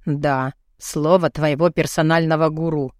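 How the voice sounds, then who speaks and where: A woman reading an audiobook and voicing a brash, crude, burly man with a husky, gruff voice and a teasing, swaggering manner. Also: deep voice, steady tone, a little slow, a little mellow, no echo, clean studio sound.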